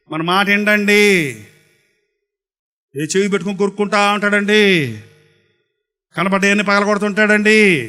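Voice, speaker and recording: High-voiced male pastor preaching. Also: bright, forceful tone, clean tone. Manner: rhetorical questions, emphatic repetition. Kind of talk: sermon.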